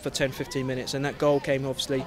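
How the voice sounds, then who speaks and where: A man's voice: medium pitch, monotone, fast talker. A man in his thirties, a head coach giving a candid post-game interview outdoors at a field at night. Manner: candid, reflective, many restarts. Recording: stadium crowd behind.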